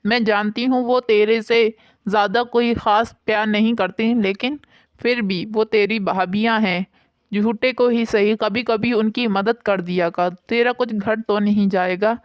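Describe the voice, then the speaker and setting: A woman's voice: mid-range voice, fairly even intonation, measured pace, no room sound, natural voice. Woman doing a stern, loving mother. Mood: scolding. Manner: scolding yet gentle. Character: stern but loving middle-aged mother.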